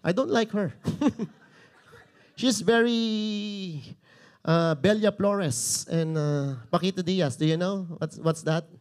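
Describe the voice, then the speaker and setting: Passionate high-voiced Filipino pastor preaching. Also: male voice, slow, clean tone. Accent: Filipino English. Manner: passionate, sometimes shouting, joking with the congregation. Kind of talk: sermon. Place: church service before a congregation.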